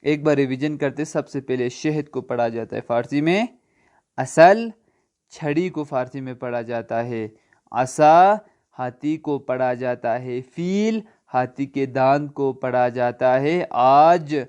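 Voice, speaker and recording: A man teaching an online language lesson, asking quiz questions and answering them himself, slowly spelling out letters. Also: medium pitch, a little mellow, clean tone. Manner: slow spelled-out letter names.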